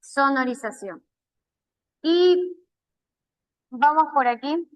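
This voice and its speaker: A woman with a Peruvian Spanish accent teaching an online language class, patiently repeating key terms slowly. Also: high-pitched, expressive, dry recording, low-quality recording.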